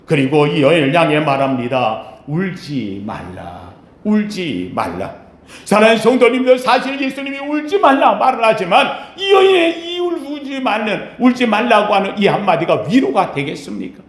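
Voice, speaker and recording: A male pastor delivering an emphatic sermon, with sharp rises and slow, low falls. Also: big pitch swings. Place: church sanctuary. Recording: echoey church sanctuary.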